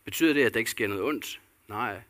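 A man's voice: mid-range voice, fairly bright tone. A man delivering a sermon as a pastor, earnest and repetitive, posing questions to the congregation.

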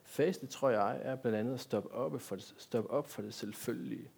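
A man's voice: mid-range voice, gravelly, a little mellow, slightly rough. A man giving a sermon in a church, talking directly to the congregation and asking them many rhetorical questions. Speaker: pastor.

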